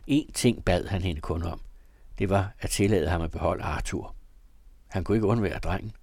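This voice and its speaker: A man giving a measured, dramatic literary reading of a classic novel. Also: deep voice, creaky, darkish tone, no room sound. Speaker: audiobook reader.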